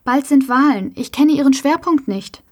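A woman's voice: high-pitched, animated, moderate pace, pitched above the performer's own voice. A woman voicing an anxious young woman who asks urgent, questioning things in a story reading. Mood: pleading.

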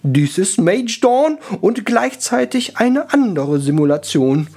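A man as a slow, solemn wizard. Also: high-pitched, big pitch swings, slightly rough, pitched above the performer's own voice, full character voice. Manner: slow, grave, hushed. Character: theatrical solemn male wizard.

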